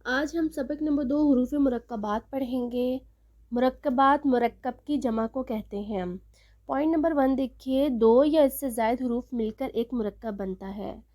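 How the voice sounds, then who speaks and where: A woman with a somewhat high voice teaches a recorded reading lesson as an online Quran teacher. She explains patiently, point by point. When she says a letter name she draws it out slowly and leans on it, so the learner can hear each sound. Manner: patient, step-by-step explaining, stretching out letter names slowly and loudly.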